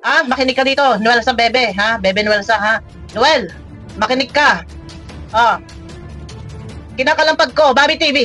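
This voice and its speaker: A woman's voice: on the high side, moderate pace, long pauses, pushed and bright, soft background music. A woman vlogger giving mocking, scolding reaction commentary, laughing often as she talks.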